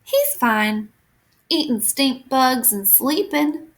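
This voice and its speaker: Playful joking boy, croaky put-on voice, storybook read-aloud, woman doing the voice. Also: sits high, big pitch swings, slow pace, pitched above the performer's own voice, full character voice. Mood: chatty. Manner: teasing. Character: joking boy, the hero's playful best friend.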